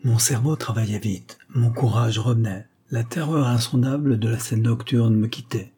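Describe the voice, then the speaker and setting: Brief: male audiobook narrator, husky, measured, mid-pitched. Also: fairly even intonation, mellow. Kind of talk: scripted narration.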